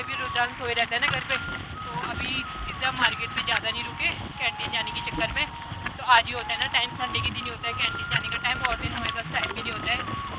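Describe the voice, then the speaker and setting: A woman's voice: fairly high pitch, very noisy. A woman in her thirties with an Uttarakhandi Hindi accent, chatting casually through a family vlog and rambling with lots of filler. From Uttarakhand, India. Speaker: family vlogger. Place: outdoors in traffic and at home.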